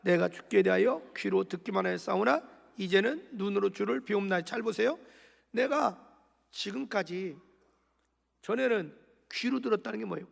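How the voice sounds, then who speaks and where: A man's voice: high voice, creaky. A man preaching a sermon at a dawn church service, chatty and colloquial, often asking the congregation questions and leading them in reading scripture aloud. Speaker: pastor. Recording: long church reverb.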